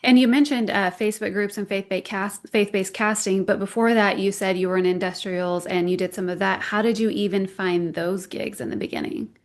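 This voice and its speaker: A woman's voice: mid-range voice, steady tone, a little fast, few pauses. A woman interviewing casually, with an encouraging, affirming way of talking. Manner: encouraging, frequent affirming responses.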